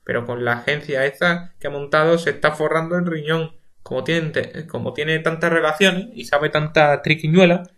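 A man's voice: fairly high pitch, moderate pace, few pauses, a bit bright, close to an everyday voice. A man with a Spain Spanish accent reading the part of an outspoken, gossiping middle-aged neighbor woman in a play audiobook. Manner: blunt, nosy, gossiping.

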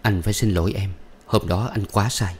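A man voicing a gentle, earnest young soldier. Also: fairly low pitch, fairly even intonation, fairly quick, slightly rough.

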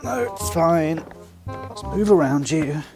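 A man's voice: fairly high pitch, lively intonation, slow, a little mellow, faint music behind. A man working as an electrician, chatting casually to camera on a job in a house, joking and swearing freely. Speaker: electrician vlogger. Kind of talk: casual on-site vlog. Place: house under renovation, indoors.

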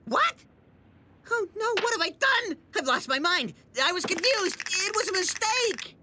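A woman voicing a giddy, excitable cartoon creature who exclaims with quick swings of pitch. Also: noisy background, exaggerated voice. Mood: panicked. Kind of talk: cartoon voice acting. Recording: music underneath.

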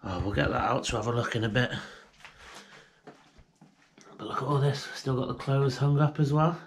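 Exploring inside an abandoned house, a British man narrates casually for his viewers, recording with a handheld action camera on a gimbal. The urban exploration vlogger has a mid-range voice at a moderate pace, with a little hiss or hum in the audio.

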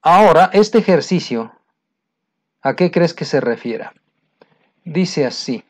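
Slow, patient male English teacher. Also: fairly high pitch, expressive. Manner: patient, repetitive explaining, speaks straight to the learner. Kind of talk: recorded lesson going over exercise answers.

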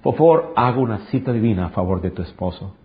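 A male pastor preaching an impassioned sermon, swinging from high, forceful peaks down to low, intimate tones. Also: lively intonation, quick pace. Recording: dull lo-fi sound.

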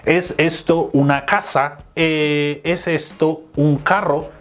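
Teacher, male, patient explainer who slows for examples, slightly high voice. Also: steady tone. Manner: slows down to pronounce English examples. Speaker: English teacher. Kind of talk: explaining a lesson.

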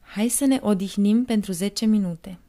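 A woman reading short phrases clearly and carefully for learners, saying each one several times. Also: medium pitch, warm tone. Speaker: language teacher.

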